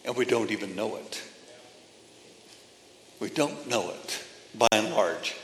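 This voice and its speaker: A man preaching a sermon with emphatic phrasing and pauses between phrases, addressing a congregation. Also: on the low side, a bit bright, a little hiss or hum. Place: church or meeting hall. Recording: echoey hall from a distance.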